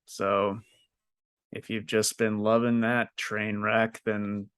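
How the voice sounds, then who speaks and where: A man's voice: lowish voice, level tone, takes it slowly, a bit bright, smooth, no echo, clean studio sound. A man hosting a casual podcast, running through a news list in a matter-of-fact way. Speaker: podcast host. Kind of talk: casual chat, reading news listings.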